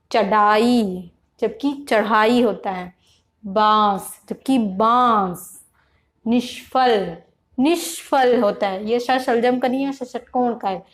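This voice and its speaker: Fairly high-voiced woman teaching grammar. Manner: explanatory, repeats words slowly to stress spelling; frequent "theek hai" check-ins. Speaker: Hindi teacher. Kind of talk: online grammar lesson. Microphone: computer or phone mic, online class.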